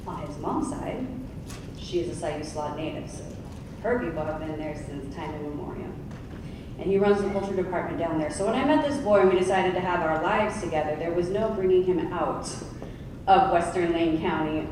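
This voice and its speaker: A woman's voice: fairly low pitch, background noise. Woman, thirties, conference panelist, candid and conversational, far from the mic, very echoey hall. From Oregon, United States.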